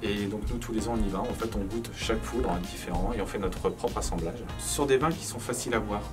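A man's voice: lowish voice, fast, over music. A man in his thirties, a head sommelier, talking casually with lots of fillers while showing a wine cellar. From Charente, France. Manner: conversational, many fillers and "en fait". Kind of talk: guided cellar tour. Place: stone wine cellar indoors.

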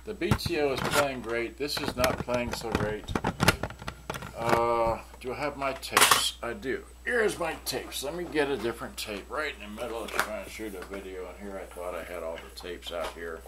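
At a cluttered indoor workbench, a man who reviews and sells vintage electronics gives an unscripted, hands-on demo, rambling and muttering to himself as he works. He speaks at normal speed with a medium-pitched voice. The room recording is noisy, with clicking sounds.

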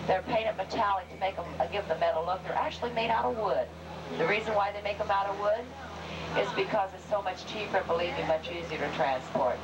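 A woman's voice: medium pitch, a little fast, dull audio. A woman guiding a tram tour, chatty and joking with the riders, heard on an old home VHS tape recording. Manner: chatty, jokey, addresses the crowd as folks. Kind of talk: guided tour patter to riders. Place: open studio tram ride outdoors. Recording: echoey open-air tram tape with loud vehicle noise.

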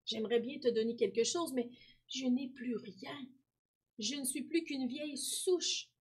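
A woman voicing a gentle, generous old male apple tree in a storybook read-aloud, tender and sighing. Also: sits high, a little slow, husky.

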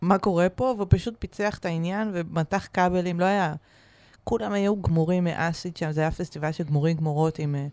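A woman, a musician guest on a podcast, telling tour stories in casual chat, animated and laughing often, with some swearing, recorded in a studio. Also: on the low side, dry recording.

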